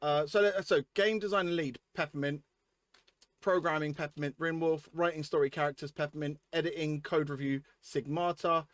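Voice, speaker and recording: There's no room sound on this fairly high, fairly even male voice, moving at a moderate pace as a game streamer chats casually with viewers. An adult parent of young children, he's informal and sweary and repeats himself a lot, with clear music behind his voice.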